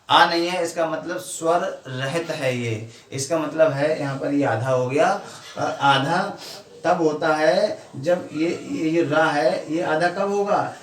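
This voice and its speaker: A male teacher giving a grammar lesson, explaining slowly and repeating points, often asking his pupils questions and mixing into his speech. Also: on the high side. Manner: slow, repetitive explaining with frequent questions to pupils. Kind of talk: classroom-style grammar lesson. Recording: echoey room, mic at a distance, faint noise.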